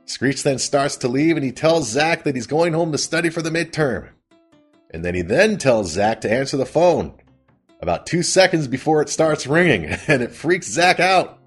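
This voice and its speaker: A man hosting a casual recap of an old sitcom, chatty and quick to laugh. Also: on the high side, animated, slightly rough, faint music behind. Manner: laughs often, chatty and amused. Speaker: podcast host recapping a sitcom.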